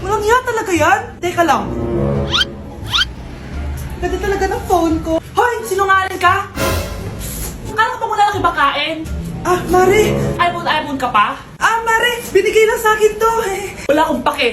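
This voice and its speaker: A woman voicing excitable, melodramatic characters in comedy skits about family squabbles. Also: extremely high pitch, moderate pace, pauses often. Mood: indignant. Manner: melodramatic, exclaiming. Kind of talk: exaggerated comedy skit dubbing. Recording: echoey, music behind the voice.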